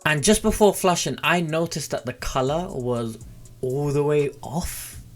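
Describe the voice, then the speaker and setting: A man's voice: on the high side, animated, a little slow. A young British man in his twenties telling stories casually and informally to camera, speaking close into a desk mic. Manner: informal, chatty, mildly sweary. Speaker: vlogger. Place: small room at home, indoors. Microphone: close desk mic with foam cover on a boom arm.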